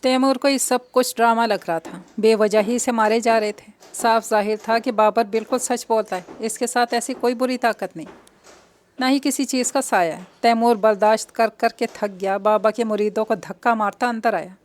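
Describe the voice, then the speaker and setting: A woman reading an audio novel in an even, measured storytelling voice. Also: on the high side. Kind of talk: scripted narration of an audio novel.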